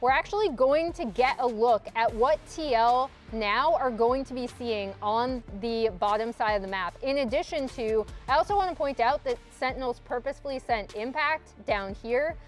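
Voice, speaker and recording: Female desk analyst, explanatory replay breakdown, higher voice, music under. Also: moderate pace, few pauses. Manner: explanatory, walks through replay. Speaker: esports analyst.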